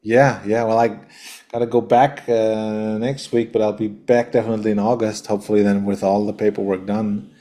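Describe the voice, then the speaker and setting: A man hosting a casual interview, speaking in a friendly, halting way and often repeating words. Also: fairly low pitch, level tone, dark tone. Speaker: interview host.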